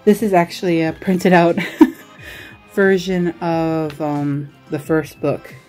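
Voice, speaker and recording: A woman's voice: sits low, little pitch movement, slow pace, a little mellow, soft background music. A woman from Australia giving a casual, chatty show-and-tell as a vlogger, rambling in a giggly, self-deprecating way. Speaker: vlogger and writer giving a desk tour.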